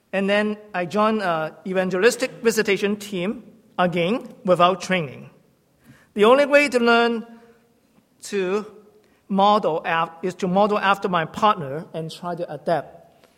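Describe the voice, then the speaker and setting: This sermon-style teaching talk comes from a high-voiced Hong Kong man who teaches at church. He pauses, revises his words as he goes, and jokes gently, while the hall's long reverb lingers around him.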